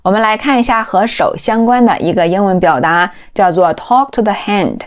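A woman teaching English vocabulary, who explains step by step and says each word slowly several times over. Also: medium pitch. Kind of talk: vocabulary lesson.

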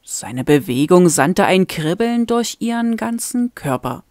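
A woman narrating a fan-made audiobook in a deliberate tone with dramatic rises. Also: lowish voice, big pitch swings, a little mellow, no echo, studio quality. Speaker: audiobook reader.

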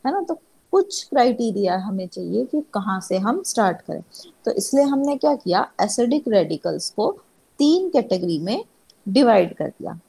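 A woman's voice: mid-range voice, big pitch swings, moderate pace, creaky, dark tone, breathy edge, rough recording. A woman chemistry lecturer, teaching a class and repeatedly asking questions that she answers herself. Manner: asks rhetorical questions and answers them herself.

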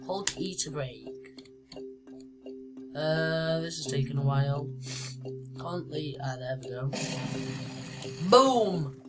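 A woman's voice: sits low, lively intonation, takes it slowly, pauses often. A woman giving casual gameplay commentary as a YouTuber, chatty and reading on-screen game text aloud with lots of "uh"s. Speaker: gaming YouTuber. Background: background music.

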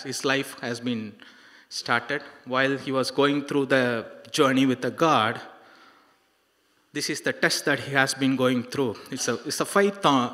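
Slow-paced man preaching in a hall. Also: mid-range voice, fairly bright tone. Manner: halting, repetitive delivery with rhetorical questions. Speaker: preacher at a youth service. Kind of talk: sermon telling a life story. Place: large indoor hall on a stage. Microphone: handheld microphone held close. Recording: hall reverb on handheld microphone.

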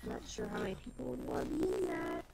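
Gaming host, male, robot-like glitchy mic voice, very deep and gravelly, excitable rambling over loud game noise. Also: quick pace. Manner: rambling, excitable, filler-heavy. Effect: robotic, glitchy distorted voice. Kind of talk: casual gameplay commentary.

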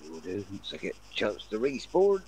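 A man's voice: lowish voice, huge pitch swings, moderate pace, dark tone, rough recording. A man calling out enemy positions to a teammate during an online game over voice chat. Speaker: game player. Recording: game noise behind voice chat.

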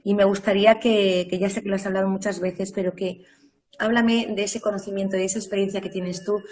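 A woman's voice: medium pitch, fairly even intonation, brisk, a little mellow. A woman interviewing a guest in a casual chat, often chiming in to agree.

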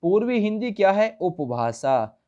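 A man's voice: sits high, sing-song, a little slow, mellow. A man teaching an exam-prep lesson, posing quiz questions and repeating each point with reminders to remember it. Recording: dull lo-fi sound.

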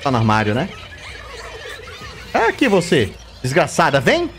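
A man's voice: wildly swooping pitch, measured pace, a bit bright, a little hiss or hum. Jumpy Brazilian man swearing at a game. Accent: Brazilian Portuguese. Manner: jumpy, swearing, bursts of squeaky baby talk. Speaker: gameplay streamer. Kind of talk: let's play commentary.

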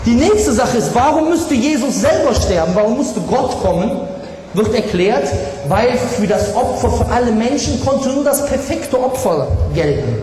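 A man's voice: extremely high pitch, big pitch swings, moderate pace, mellow, soft background music. A man preaching an emphatic lecture, firing off rhetorical questions and mocking his opponents' answers. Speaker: Islamic preacher. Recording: very echoey hall.

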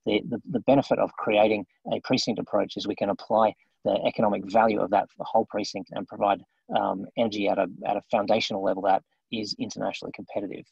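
Sex: man. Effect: degrading, dropping stream audio. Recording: muffled lo-fi video call. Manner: halting, husky. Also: lowish voice, level tone, a little mellow, dry recording. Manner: halting, with many restarts and fillers. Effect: degrading stream audio that drops out. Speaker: remote presenter at an investor briefing. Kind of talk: formal briefing talk.

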